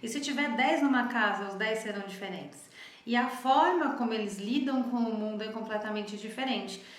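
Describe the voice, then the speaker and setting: A woman, a therapist giving a calm, reflective teaching talk, often checking in with "né?". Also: a little high, normal speed. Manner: calm, explanatory, often adds "né?". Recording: echoey room.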